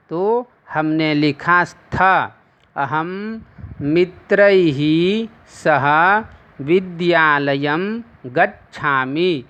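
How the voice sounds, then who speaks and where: A male teacher drills Sanskrit word forms for a class of children. He speaks very slowly and deliberately in a bright, slightly high voice. The recording sounds dull and lo-fi. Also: smooth. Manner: addresses children directly, explaining pronunciation. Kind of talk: classroom lesson recitation.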